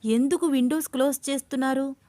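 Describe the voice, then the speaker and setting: A woman's voice: steady tone, a little fast, dark tone, dry recording, natural voice. A woman voicing a young woman in love who is agitated and fiery, in an audio story. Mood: frightened. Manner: shrill, agitated pleading.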